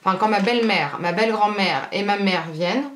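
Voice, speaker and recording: A woman's voice: mid-range voice, brisk, echoey room, slight background noise. A woman beauty vlogger in casual haul chat, chatty and rambling with a self-mocking humor.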